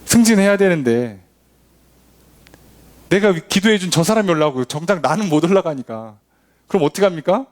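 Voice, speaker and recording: A man's voice: lively intonation, fairly quick, pauses often. A man preaching a sermon as a pastor, asking rhetorical questions and acting out quoted voices. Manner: acts out quoted voices, shifting pitch often. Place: church.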